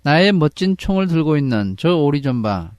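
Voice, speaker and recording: A man reading the part of a calm father in a storybook, slowly and soothingly, then translating each line into Korean. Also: a little high, dry recording, studio quality. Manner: slow, soothing read-aloud.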